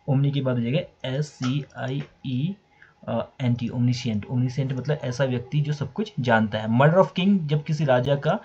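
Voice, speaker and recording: A man's voice: medium pitch, darkish tone, slightly rough. A man teaching English vocabulary, explaining meanings and spelling words out letter by letter. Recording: dull lo-fi recording.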